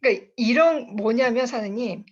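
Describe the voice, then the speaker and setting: A woman's voice: a little high, normal speed, highs cut off. A woman giving a motivational talk at a sales team meeting, telling her own story in a chatty way, laughing often and addressing her listeners as bosses. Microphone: online video call.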